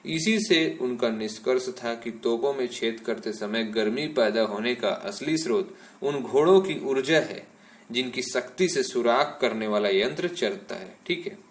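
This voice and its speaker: A man teaching a science lesson with the patient rhythm of a classroom lecture, speaking in an average-pitched voice. He pauses often to check in with his students before moving to the next point, and he slips English terms into his explanations. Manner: explanatory, checks in with "ठीक है" after nearly every point.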